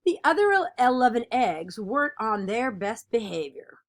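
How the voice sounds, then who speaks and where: Her voice a little high, a woman brings to life the earnest, dutiful egg character from a children's picture book. Her storytelling is expressive and deliberate.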